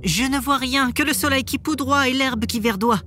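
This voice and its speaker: A man voicing a young sister keeping watch from a tower, in a soft, high falsetto, in a storybook reading. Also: normal speed, faint music behind. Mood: watchful.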